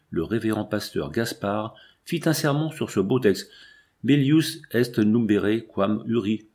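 Low-voiced man reading a literary audiobook. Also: a little mellow, husky. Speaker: audiobook narrator.

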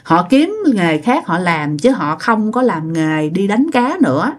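A woman's voice: on the low side, big pitch swings, a little slow. A woman with a Southern Vietnamese accent telling a ghost story in a chatty way, speaking directly to her listeners.

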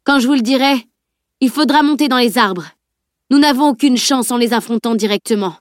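A woman's voice: fairly high pitch, brisk, dry recording, clean studio sound, pitched above the performer's own voice, lightly acted. A woman voicing a tense commanding male warrior leader who barks urgent orders in a storybook reading.

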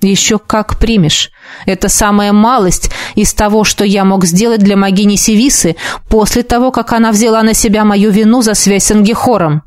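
A woman reading an audiobook, voicing a sardonic male dark mage who teases his ward in a lordly, mocking manner. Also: mid-range voice, fairly even intonation, normal speed, dry recording, studio quality, close to an everyday voice. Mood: insistent.

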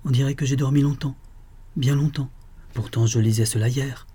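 A man's voice: medium pitch, steady tone, normal speed, warm tone, slightly rough, close to an everyday voice. A man reading a novel aloud, voicing a confused young noblewoman who is losing her memory, in a raised, searching voice. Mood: bewildered. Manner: bewildered, breaking into anguished cries. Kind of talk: audiobook character voice.

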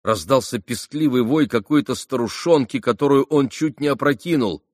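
A man narrating a classic novel as an audiobook, reading in an expressive, dramatic way. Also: medium pitch, normal speed, dry recording, studio quality. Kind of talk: scripted narration.

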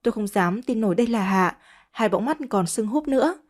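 A woman's voice: fairly high pitch, expressive, fairly quick. Woman narrating a family drama story. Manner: reads every character herself, shifting tone for quarrels and crying. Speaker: audiobook narrator. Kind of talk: first-person story narration with voiced dialogue.

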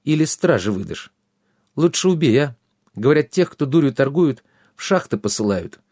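A man's voice: mid-range voice, sing-song, normal speed, a little mellow, dry recording, studio quality, voice pushed up. A man voicing a frightened young runaway squire, whiny and pleading.

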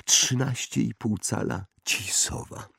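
Eerie old wandmaker for a storybook reading, hushed and slow, higher than the male reader's own voice. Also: gravelly, breathy edge, dry recording, studio quality, exaggerated voice. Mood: musing hushed. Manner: slow, hushed, drawn-out musing.

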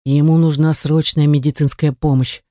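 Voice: mid-range voice, little pitch movement, normal speed, dark tone, no echo, studio quality, close to an everyday voice. A reader voicing a coarse, cynical man who swears and speaks curtly in an audiobook. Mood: grim. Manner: curt, swearing, gruff. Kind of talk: audiobook character reading.

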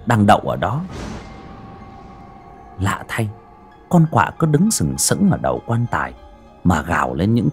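A man narrating a scripted horror story with a dramatic, breathy delivery. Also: on the low side, a little mellow. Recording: faint background music.

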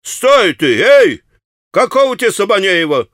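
A man voicing an excitable, dim-witted young shop clerk who shouts and repeats himself in an audiobook. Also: a little high, measured pace, no room sound, studio quality, voice pushed up. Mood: agitated.

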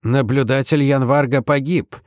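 A man voicing a hoarse male marshal who gives stern, measured orders, heard over a walkie-talkie radio. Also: medium pitch, steady tone, dry recording, studio quality. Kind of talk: audiobook narration with character voices.

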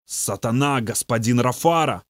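A man voicing a boastful male demon speaking through a possessed youth, in a slow, low, gloating way. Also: expressive, no echo, studio quality, natural voice. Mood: frenzied.

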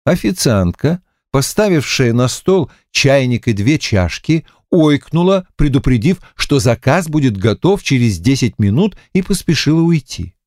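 A man reading a novel aloud in an expressive, ironic storytelling style. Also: mid-range voice, measured pace, hardly any pauses, no echo, clean studio sound. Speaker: audiobook reader. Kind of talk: storytelling narration.

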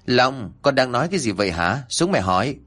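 A man's voice: mid-range voice, big pitch swings, brisk, fairly bright tone. A man voicing a frightened, stern middle-aged mother in a spoken ghost story, with a scolding, alarmed manner.

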